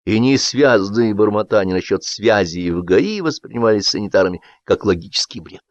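A man narrating a satirical story in an expressive, lively reading. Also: fairly low pitch, dry recording. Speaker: audiobook narrator. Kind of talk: scripted narration. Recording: dull dry audiobook recording.

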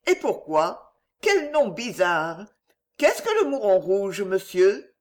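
A man's voice: high voice, very animated, slow pace, heavily acted. A man voicing a cheerful, curious young French girl in an audiobook, playful in tone.

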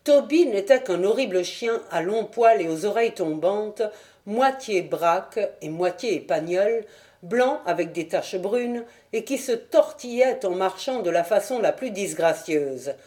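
A woman reading a novel aloud as an audiobook in measured, even scripted narration. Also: mid-range voice. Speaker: audiobook reader.

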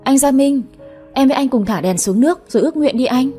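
Woman voicing jealous young village woman, whiny, raised pitch. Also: animated, fast talker, warm tone, faint music behind. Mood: sulky.

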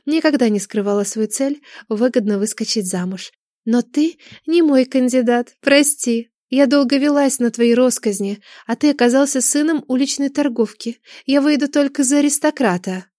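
A woman's voice: high-pitched, moderate pace, dark tone, dry recording, studio quality, natural voice. A woman reading an audiobook, voicing a haughty, mercenary young dragoness with an airy, scornful, dismissive manner. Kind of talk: audiobook character voice.

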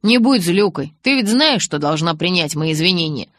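A woman reading the lines of a sulky, teasing teenage boy who pleads and presses her to talk, with a lowish voice in a dry, close audiobook recording. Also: expressive, moderate pace, a bit bright, no room sound. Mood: earnest. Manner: pleading, then moping and pressing.

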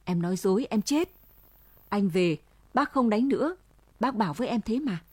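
A woman doing a gentle, coaxing young villager. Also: mid-range voice, animated, normal speed, breathy edge, dry recording. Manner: pleading, soothing persuasion.

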